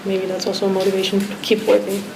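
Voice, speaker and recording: With a completely flat, quick delivery and vocal fry, this medium-pitched woman, a Romanian artist, speaks as a guest in a talk discussion. She is reflective, with many restarts and fillers. The art academy pavilion setting makes for an echoey recording with background noise.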